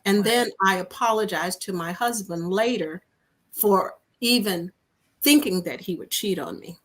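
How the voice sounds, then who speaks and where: A woman, an interview guest, telling a personal story in a lively way and often repeating "I said" as she recounts conversations. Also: mid-range voice, a little slow, rough recording. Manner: animated, repeats "I said" as she retells dialogue.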